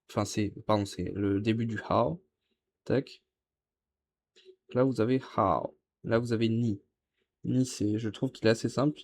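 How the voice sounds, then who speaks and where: With a camera trained on his writing, a novice man walks through forming Chinese characters in an informal tutorial. He speaks in a somewhat low, slightly mellow voice, hesitating, fixing his mistakes, and going over words slowly. A faint hiss or hum runs underneath.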